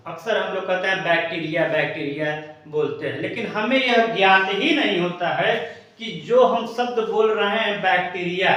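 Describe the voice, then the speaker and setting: A male teacher explains grammar in a high, unhurried voice, stopping to spell out each word. He sounds set back from the microphone in a very echoey room with a faint hiss behind him. The effect is of a classroom lesson recorded from a distance. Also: a bit bright. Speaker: English teacher. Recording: echoey room, voice from away from the mic, faint noise.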